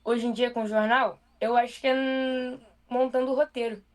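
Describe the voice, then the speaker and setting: A young woman with a Brazilian accent talks about her work as a journalist in a relaxed interview. She speaks quickly and casually, full of fillers, in a slightly high voice. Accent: Brazilian Portuguese. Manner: fast, casual talker with many fillers. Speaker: journalist guest.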